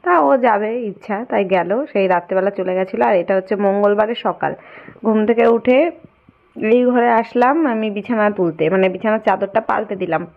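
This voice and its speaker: A woman with a West Bengal accent, chatting casually through her household chores for her home vlog, her voice slightly hoarse. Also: medium pitch, normal speed, phone-quality sound. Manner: chatty, running commentary on chores. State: hoarse from a cold. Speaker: vlogger. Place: home, indoors.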